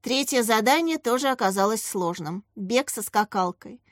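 A woman narrating a children's story as an audiobook in a steady, expressive way. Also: on the high side, normal speed, no room sound, studio quality.

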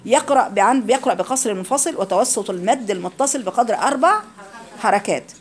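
Fast-talking Egyptian woman teacher. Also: a little high, animated. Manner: explains rules and quizzes students with questions. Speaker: Quran recitation teacher. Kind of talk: classroom lecture.

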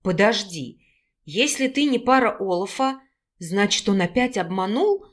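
A woman's voice: mid-range voice, very animated, a little slow. Storybook mother: older, fretful, soothing and doting , voiced by a woman. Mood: alarmed. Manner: pleading, coaxing.

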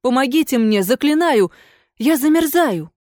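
A woman's voice: high-pitched, expressive, normal speed, a little mellow, no room sound, studio quality. A woman voicing a fearful, pleading female water ghost in an audiobook, in a plaintive, imploring manner.

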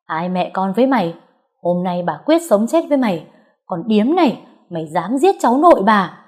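A woman voicing a furious, scornful middle-aged mother-in-law, who curses and sneers as she shouts. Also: mid-range voice, sing-song, normal speed. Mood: scornful, raging.

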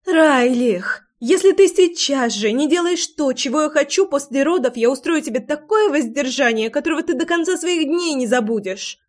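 A woman's voice: fairly high pitch, animated, takes it slowly, a little mellow. A woman reading aloud and voicing an impatient, demanding pregnant young woman in an audiobook. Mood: pleading. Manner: pleading, breathless, insistent.

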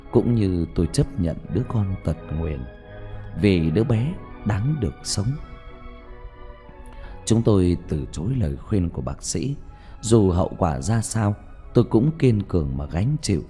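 Low, dark-voiced man narrating mournfully. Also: lively intonation. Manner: emotive, slow and mournful. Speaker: story narrator. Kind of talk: dramatic audiobook narration. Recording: soft music bed behind.

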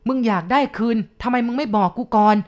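A woman voicing a grieving village father who shouts in rage. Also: a little high, fast talker, dull audio, pitched above the performer's own voice, close to an everyday voice. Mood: furious.

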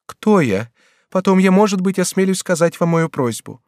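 A man's voice: high-pitched, lively intonation, normal speed, darkish tone, no room sound, clean studio sound, pitched above the performer's own voice. A man reading an audiobook voices a timid, desperate young woman pleading with a prince, in a raised, strained voice. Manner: pleading and tremulous.

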